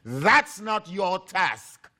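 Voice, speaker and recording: Animated male preacher telling a story. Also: sits high, very slow. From United States. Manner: animated storytelling, acting out voices, laughing. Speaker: pastor. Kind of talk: sermon with storytelling. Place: church.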